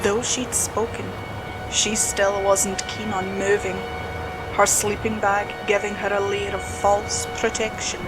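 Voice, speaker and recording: A woman narrating a horror story slowly and dramatically, dropping to a hush at tense moments. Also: medium pitch, flat delivery. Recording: spooky music bed under voice.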